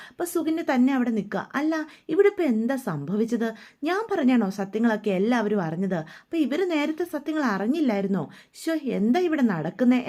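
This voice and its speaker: High-pitched woman doing a soap recap, acts out the lines with emotion. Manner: storytelling, acting out lines with emotion. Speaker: serial recap narrator. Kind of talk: retelling soap episode with quoted dialogue.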